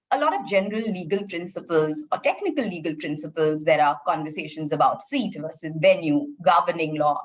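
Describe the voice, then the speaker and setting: Polite lower-voiced woman moderator. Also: low-quality recording. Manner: polite, measured, with "um" fillers. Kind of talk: online panel moderation. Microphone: video call.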